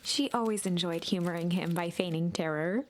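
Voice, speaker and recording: A woman's voice: fairly low pitch, moderate pace, slight background noise, lightly acted. A woman reading scripted story narration for a game.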